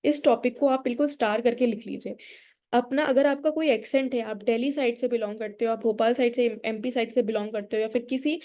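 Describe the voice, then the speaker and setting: Mellow-voiced woman leading a speaking workshop. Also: fairly high pitch, steady tone, brisk. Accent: neutral Indian. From India. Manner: explanatory, mixes English into Hindi, asks the audience questions. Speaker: public speaking trainer. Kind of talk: workshop lecture.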